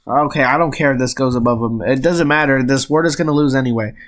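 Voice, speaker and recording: A young man from the United States hosting his gaming channel, giving chatty, unhurried commentary as he plays a word game and gets easily rattled. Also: mid-range voice. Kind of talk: casual commentary while playing a word game.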